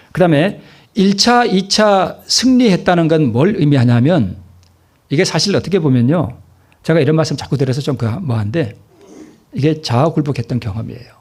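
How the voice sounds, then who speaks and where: A man's voice: fairly high pitch, a little mellow. A man preaching a sermon as a pastor, asking the congregation questions and answering them himself, repeating points for emphasis.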